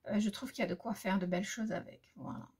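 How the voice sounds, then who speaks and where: Woman, gravelly husky voice, casual haul chatter full of hesitations, recorded on a phone. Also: mid-range voice, fast, darkish tone. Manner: hesitant, many fillers and restarts. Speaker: crafting vlogger.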